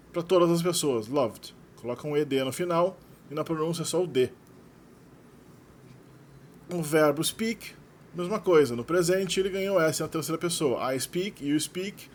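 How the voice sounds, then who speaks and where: A Brazilian English teacher, a native Portuguese speaker, patiently explains English verb forms, reading out example verbs as he goes. His voice is slightly high, and the recording carries a little hiss or hum.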